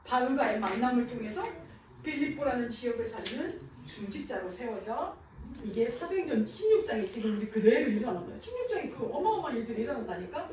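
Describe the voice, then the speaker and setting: A woman's voice: fairly high pitch, big pitch swings, quick pace, dark tone, slight background noise. A woman giving a sermon to children in a church, asking the kids questions and answering them herself. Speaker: children's pastor. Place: church sanctuary. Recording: echoey church hall, mic far off.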